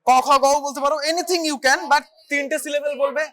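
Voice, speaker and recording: A clinical teacher giving a hands-on bedside demonstration, briskly instructing students step by step as they practise an examination. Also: high-pitched, steady tone, sharp tone. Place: hospital teaching ward.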